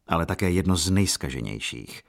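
A worldly count, read by a man with a very low voice, speaks calmly and gravely. He delivers his warnings in measured, steady phrases. The voice is deep and unhurried. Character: calm, worldly older nobleman, a count.

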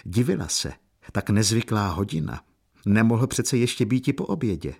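A man reading a novel aloud with slow, lyrical phrasing. His voice sits low and has a husky edge. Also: very animated, darkish tone. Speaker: audiobook narrator. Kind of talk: scripted narration.

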